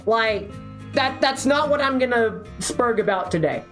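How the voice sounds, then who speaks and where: A woman's voice: a little high, expressive, a little slow, faint music behind. A young adult woman streamer chatting and joking during a live game reading, rambling and profane.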